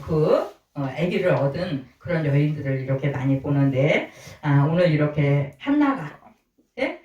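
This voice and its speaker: A middle-aged woman pastor preaching a conversational sermon, asking her congregation questions and acting out little quotes. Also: on the low side. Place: small church sanctuary. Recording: echoey church hall, distant mic.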